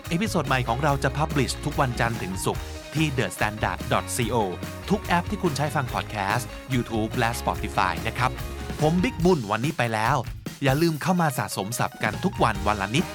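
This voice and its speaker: A man's voice: medium pitch, lively intonation, moderate pace, over music. A man hosting a podcast, teaching English vocabulary in a chatty, encouraging way and mixing in English terms. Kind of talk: casual explanatory teaching.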